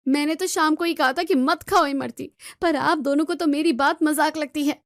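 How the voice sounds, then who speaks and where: Scolding daughter-in-law, voiced by the narrator, high and exasperated, dry close storybook audio. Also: female voice, steady tone, normal speed, no echo. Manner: scolding, pleading.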